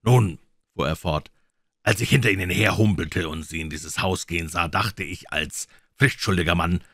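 A man doing a croaky, fawning old bookseller. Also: low voice, moderate pace, fairly bright tone, dry recording, studio quality, heavily acted. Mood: ingratiating. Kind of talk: audiobook reading.

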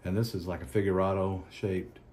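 A man with a Southern accent, hosting a casual unboxing chat in an unhurried, halting way with many ums and restarts. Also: low-pitched, fairly even intonation, a little mellow, slight background noise. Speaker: cigar channel host.

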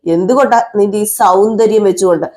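A woman voicing a menacing young man, a spurned suitor who delivers slow, taunting threats in a soap-story retelling. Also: medium pitch, a little mellow, natural voice.

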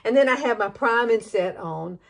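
A woman's voice: fairly high pitch, lively intonation, normal speed, vocal fry. A woman in her late fifties from Alabama with a Southern accent, chatting through a hair tutorial in a gushing, folksy way. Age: 50s. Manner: gushing, chatty, drawling with laughs. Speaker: beauty vlogger. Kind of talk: casual hair tutorial chat.

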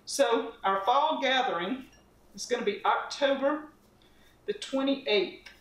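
A high-voiced middle-aged woman hosts a cooking channel, casually demonstrating a recipe at home and chatting homespun-style as she works the dough by hand. The camera sits across the counter, so the mic is distant and the kitchen sounds roomy.

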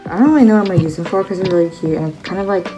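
A woman's voice: lowish voice, racing, poor audio. A teenage girl chatting casually at home about her merch haul, with lots of fillers. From China. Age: teens. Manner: chatty, many likes and fillers. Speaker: vlogger. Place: bedroom at a table indoors. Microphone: phone camera at close range. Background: background music.

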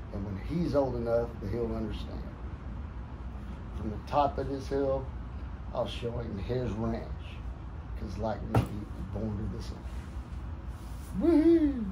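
Middle-aged male cowboy poet, with a cowboy drawl, homespun talk and verse, over clear room noise. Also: mid-range voice, measured pace, long pauses. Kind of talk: casual talk and recited cowboy poetry. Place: boot shop, indoors. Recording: noisy shop room ambience.

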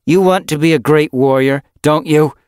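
A man's voice: on the high side, moderate pace, a little mellow, clean tone, no room sound, studio quality, pitched above the performer's own voice, lightly acted. A man voicing a vicious female ghost cat from an audiobook, harsh and contemptuous as she bullies a young warrior. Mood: scolding, furious.

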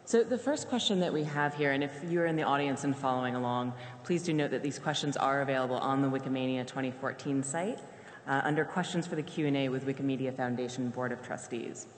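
Woman emceeing q&a, talks fast, echoey big room, faint hiss. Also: extremely low pitch. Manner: brisk, apologetic, organized. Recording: echoey hall with light noise.

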